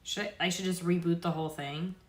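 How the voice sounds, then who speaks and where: Speaking quickly in a low-leaning voice with fairly flat intonation, a woman reads aloud on a casual stream. She swears, fumbles longer words, and chats with viewers between lines.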